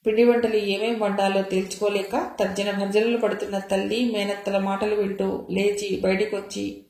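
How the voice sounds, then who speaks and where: Woman reading a novel aloud, steady and flat, echoey room. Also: mid-range voice, moderate pace. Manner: steady, even storytelling. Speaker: narrator. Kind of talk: audiobook narration. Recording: roomy echo.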